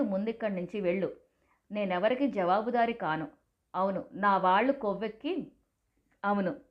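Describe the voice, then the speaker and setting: A dignified older mother answers steadily and sternly, her voice set a little low, as a woman storyteller puts her on. The recording is a bit dull and lo-fi. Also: lightly acted. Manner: firm, stern.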